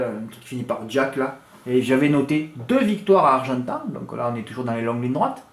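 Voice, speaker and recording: A lively man in a loose monologue about his racing bets, his somewhat high voice jumping between loud bursts and low mutters as he cracks bawdy jokes. The room adds a clear echo around him. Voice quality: has a noticeable accent others laugh at. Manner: animated, crude joking, big swings in pitch and loudness. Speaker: horse racing tipster. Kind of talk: casual monologue to camera.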